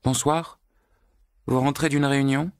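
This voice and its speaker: A man voicing an exultant young woman newly turned witch, crying out loudly with a hoarse edge. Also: mid-range voice, fairly even intonation, a little slow, no echo, studio quality, voice pushed up, natural voice. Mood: dreamy. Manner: loud and hoarse cries.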